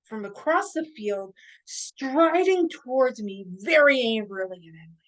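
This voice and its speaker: A woman chatting as a podcast guest, telling stories in a hesitant way with frequent pauses and fillers. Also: high-pitched, big pitch swings, low-quality recording. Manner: hesitant, with many fillers and restarts. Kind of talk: casual interview chat.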